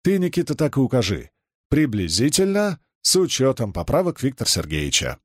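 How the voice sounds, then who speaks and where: A man's voice: medium pitch, wildly swooping pitch, a little fast, no room sound. Picture a brash, scheming older ship's chief who mocks and blusters, his voice leaping up and down in a showy swing, as a man puts him on for an audiobook. The reading is close and dry, with no room around it. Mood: mocking. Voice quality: boisterous, mocking, theatrical.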